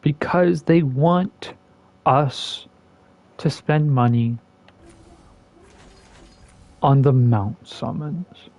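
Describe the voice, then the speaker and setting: A man's voice: very slow, long pauses. A man ranting sarcastically about a game while playing it, in an exasperated, casual commentary style. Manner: exasperated and sarcastic, with lively swings in pitch and loudness. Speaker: gaming content creator.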